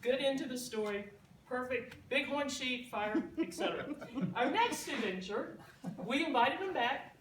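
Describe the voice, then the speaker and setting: A woman telling a lively, laughing story as a party guest giving a toast. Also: high-pitched, normal speed, background noise. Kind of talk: storytelling speech. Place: party room. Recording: echoey room, distant mic.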